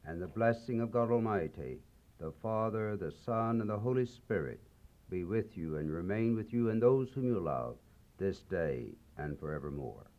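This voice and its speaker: A man, a bishop, delivering a benediction in a measured, solemn, deliberate way. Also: on the low side, lively intonation. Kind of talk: benediction prayer. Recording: dull archival recording.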